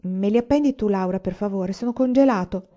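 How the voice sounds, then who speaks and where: Woman doing a cheerful frozen prairie dad, brisk and warm, kinda muffled audio. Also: medium pitch, natural voice. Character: hardy pioneer father, cheerful and weathered. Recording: slightly dull lo-fi recording.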